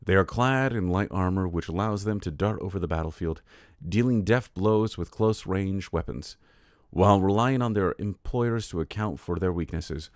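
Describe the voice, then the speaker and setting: A man's voice: deep voice, normal speed, no room sound, studio quality. A tired man hosting a casual livestream, reading lore aloud and chatting, often laughing and getting sidetracked. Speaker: streamer host.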